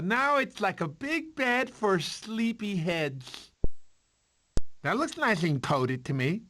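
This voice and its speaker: An actor playing a goofy, jittery but kindly bumbling sloth in an animated game, excitable and theatrical. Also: male voice, sits high, slight background noise, exaggerated voice. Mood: cheerful. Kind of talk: animated film tie-in game character dialogue.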